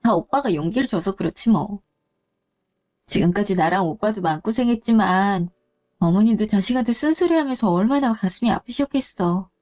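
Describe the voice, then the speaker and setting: A woman's voice: medium pitch, lively intonation, moderate pace, darkish tone, lightly acted. A woman voicing a nervous young woman who stammers politely in a story drama. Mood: modest. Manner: shy, stammering. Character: nervous young woman meeting her future mother-in-law.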